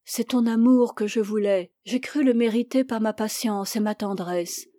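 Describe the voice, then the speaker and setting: A woman's voice: a little high, fairly even intonation, moderate pace, mellow, dry recording, studio quality, close to an everyday voice. A woman reading an audiobook, voicing an anguished young woman who is passionate and reproachful. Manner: impassioned, reproachful.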